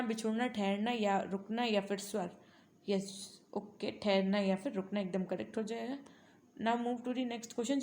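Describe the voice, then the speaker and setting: A woman's voice: fairly high pitch, a little mellow. A woman teacher working through exam-prep quiz questions, asking each one and then explaining the answer patiently, often dropping English phrases into her explanation.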